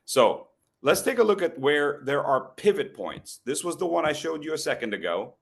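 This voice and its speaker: A middle-aged man giving a humorous talk on storytelling to a live group, teasing people in the room and slowing down with pauses for emphasis. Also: fairly high pitch, big pitch swings, vocal fry, breathy edge. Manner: playful, teasing the audience, quick asides. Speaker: educational speaker at a club meeting.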